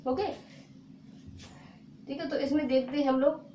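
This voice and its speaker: A woman with a high-sitting, dark-toned voice teaches children phonics a little slowly and with fairly even intonation. She's patient, repeats words, and asks questions she answers herself, in an echoey room with faint noise.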